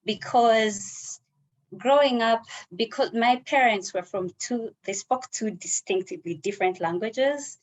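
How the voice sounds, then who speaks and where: A woman with a Ugandan accent giving a prepared personal speech in an online club meeting, speaking in a measured, deliberate way. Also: fairly high pitch. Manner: measured, deliberate delivery with pauses. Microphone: video call.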